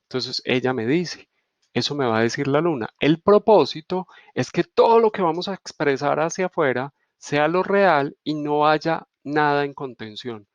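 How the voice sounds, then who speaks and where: A man giving a reflective spiritual teaching, unhurried and checking in with rhetorical questions. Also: a little high, lively intonation, no room sound, dull audio. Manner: unhurried, repeats rhetorical "¿sí?" and "¿cierto?".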